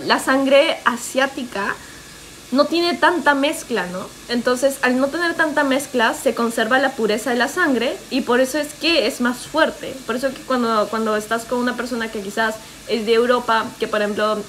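A young woman from Peru chats on a livestream as a streamer, reading comments aloud and joking in a Peruvian Spanish accent. Her voice is slightly high and a bit bright, with a little hiss or hum.

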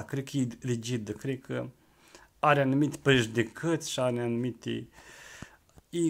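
A man in his twenties who jokes about himself in a rambling, hesitant monologue full of restarts. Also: mid-range voice. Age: 20s. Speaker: vlogger. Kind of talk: joking monologue to camera.

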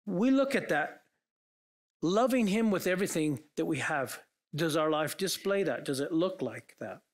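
A man's voice: a little high, expressive, normal speed. A man preaching a sermon as pastor, earnest and full of rhetorical questions put to the congregation. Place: church.

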